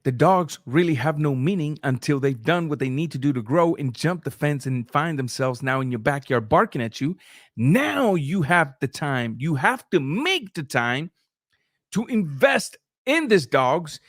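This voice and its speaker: Here a middle-aged man, Spanish by first language, runs his boxing channel's live stream, chatting informally and reading super chats with false starts and fillers. His slightly high voice moves in a lively way at a measured pace. The recording is dry and of studio quality.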